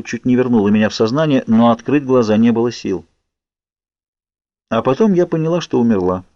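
A man narrating an audiobook in a slow, measured reading, close to a studio mic. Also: mid-range voice, darkish tone, dry recording. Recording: dry, dull lo-fi sound.

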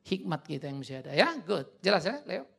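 A pastor, a man, preaches in a blunt and colloquial way and answers questions from his audience. His high voice has a gravelly edge. His pitch swings widely and he bursts out loudly at times. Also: lively intonation, brisk. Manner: blunt, colloquial and emphatic, with sudden loud outbursts.

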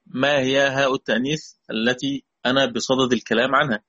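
A man's voice: mid-range voice, steady tone, quick pace, bright, forceful tone, husky, dull audio. A man with an Egyptian Arabic accent teaching a Quran recitation lesson, patiently repeating key points and putting questions to his students. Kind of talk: explanatory lesson.

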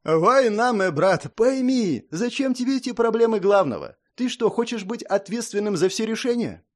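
A man voicing a cheeky young highlander who lectures his friend in a teasing, exclamatory way. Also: animated. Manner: exclamatory, mock-lecturing, drawn-out interjections.

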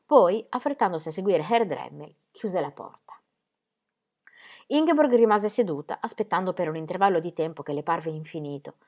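Woman narrating a novel, low and expressive. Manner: measured, expressive storytelling. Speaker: audiobook reader. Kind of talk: literary audiobook narration.

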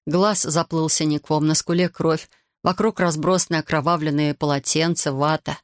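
An audiobook narrator giving a dramatic, measured literary reading. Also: medium pitch, steady tone, dry recording, clean studio sound.

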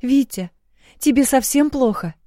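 A young wife, high and pleading, voiced by a woman reader. She sounds mellow and close, with a dry, roomless sound. Her lines swing between worry and indignation. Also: lively intonation, unhurried, no echo. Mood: alarmed. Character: excited young wife, anxious then teasing.

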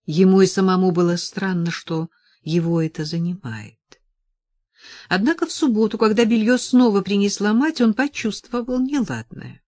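A woman's voice: medium pitch, moderate pace, darkish tone, no room sound. Woman narrating a classic novel, dry. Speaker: audiobook narrator.

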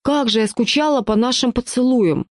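A woman reading first-person audiobook narration with lively storytelling. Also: on the high side, normal speed, no room sound, studio quality.

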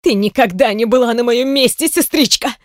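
A woman's voice: moderate pace, no room sound, clean studio sound, lightly acted. A woman voicing a desperate pleading older sister. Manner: pleading, shrill, hoarse. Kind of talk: audiobook character voice.

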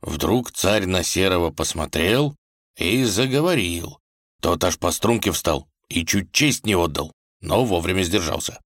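A man's voice: deep voice, expressive, a little slow, fairly bright tone, dry recording, studio quality. A man narrating a fairy tale in a playful storytelling manner.

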